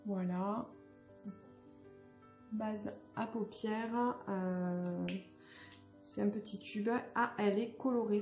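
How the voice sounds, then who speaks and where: A woman's voice: mid-range voice, vocal fry, a little mellow. A young adult woman chatting casually through a makeup unboxing, hesitant with many fillers and restarts. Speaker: beauty vlogger. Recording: echoey room, faint music.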